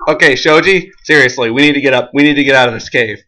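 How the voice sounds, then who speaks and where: A high-voiced host playing a game with a friend, chatting excitably, giggling and often shrieking dramatically. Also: fast. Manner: frequent shrieks and screams. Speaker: Let's Play host. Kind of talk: excitable gameplay chat.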